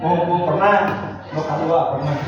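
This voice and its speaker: Man, high-pitched, quizzing a room of teachers; distant, dull, echoey hall recording with noise. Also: fairly even intonation, a little slow. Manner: quizzes the audience, acts out scolding teachers. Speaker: teacher trainer. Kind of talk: interactive workshop lecture.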